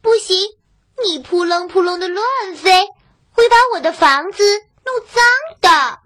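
A woman's voice: very high-pitched, expressive, a little slow, fairly bright tone, pitched above the performer's own voice, full character voice. A woman voicing a proud, bossy little girl in a children's storybook, with petulant, emphatic refusals. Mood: indignant.

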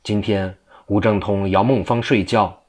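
A frightened woman pleads and confesses in a storybook tale, read by a man in a low voice. Her words come anxious and urgent. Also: steady tone, measured pace, darkish tone. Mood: confessing. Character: frightened adulterous young woman.

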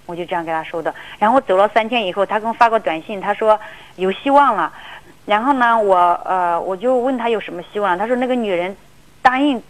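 Fast-talking woman caller, rambling. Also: medium pitch, poor audio. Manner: rambling, emotional, often repeats herself. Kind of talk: call-in advice radio.

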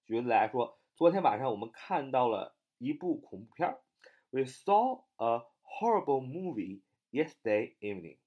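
A man's voice: medium pitch, very animated, normal speed, a little mellow. A man teaching English vocabulary, explaining word meanings and spelling words out letter by letter, with many filler sounds.

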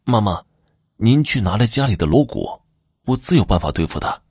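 A clever, brave little boy, as a storyteller voices him, calling out in a raised, eager voice. It sits far above the storyteller's own voice and stays a bit raspy, read in a dry, close storybook telling. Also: lowish voice, very animated, moderate pace, darkish tone, dry recording, pitched above the performer's own voice, heavily acted. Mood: urgent. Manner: eager, urgent calls.

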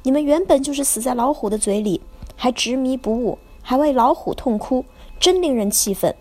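A woman's voice: fairly high pitch, brisk, darkish tone, in a large hall, close to an everyday voice. A woman voicing a bold, righteous young male scholar with an urgent, scolding manner.

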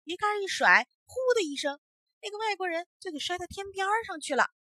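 A woman telling a children's story as a storyteller, in an expressive, emphatic way. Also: extremely high pitch, fairly quick, dry recording.

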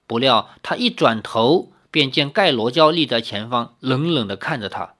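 A man's voice: mid-range voice, animated, moderate pace, pushed and bright. A man reading a novel aloud as a storyteller, stopping to explain the plot in his own words. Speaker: audiobook reader.

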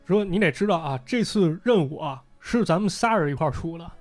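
Lively higher-voiced male storyteller. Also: a little fast, soft background music. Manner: lively retelling, voicing characters in quotes. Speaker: podcast host. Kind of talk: casual storytelling.

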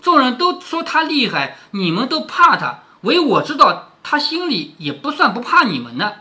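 A man reading the lines of a sharp-tongued young maid who lectures the servant women in a storybook reading. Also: very high-pitched, huge pitch swings, normal speed, pitched above the performer's own voice, heavily acted. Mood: scolding. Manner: lecturing, scolding.

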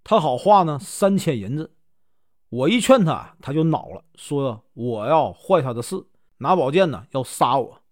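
A man's voice: mid-range voice, sing-song, moderate pace, no echo, studio quality. A man voicing a mischievous wandering monk in a told folk tale, playful and teasing. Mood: sly.

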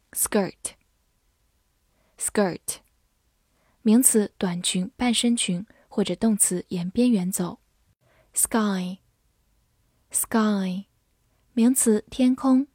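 Slow, measured woman teaching English words. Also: medium pitch, darkish tone, breathy edge, no room sound, clean studio sound. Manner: deliberate, repeats each word twice then gives meanings. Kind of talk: slow vocabulary drill and translation lesson.

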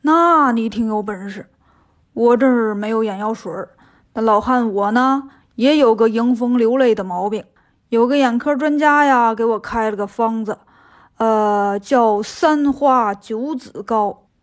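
A woman voicing a kindly old village grandfather in a children's audio story, slow and knowing. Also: a little high, voice pushed down, close to an everyday voice.

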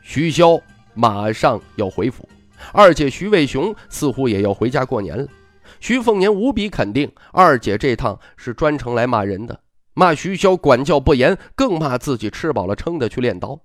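A man narrating an audiobook in an expressive storytelling manner. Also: medium pitch, moderate pace, dry recording, faint music behind. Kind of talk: scripted narration.

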